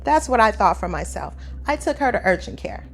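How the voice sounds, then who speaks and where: A woman in her fifties telling a casual story to viewers, chatty and animated, her throat sore as she gets over the flu. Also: medium pitch, a little fast, slight background noise. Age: 50s. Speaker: vlogger. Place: home room by a window, construction outside.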